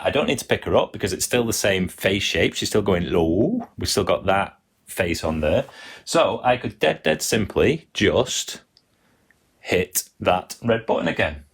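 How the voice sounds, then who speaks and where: A man with a low, creaky voice and a breathy edge hosts a live animation workshop. It's a chatty live-stream teaching demo where he explains step by step and reads out viewer comments.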